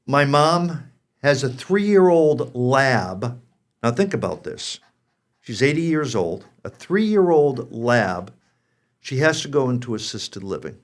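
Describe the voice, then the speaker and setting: Male host, sixties, American, medium pitch, conversational and frank presenting style. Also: expressive, slow. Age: 60s. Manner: frank, direct address to viewers. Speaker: pet show host.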